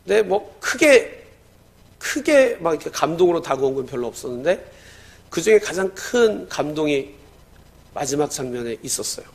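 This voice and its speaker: A man preaching from the pulpit in a high voice. He tells a story as he preaches, rising to loud exclamations and then dropping to hushed lines. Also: big pitch swings, normal speed, creaky. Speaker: pastor. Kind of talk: sermon.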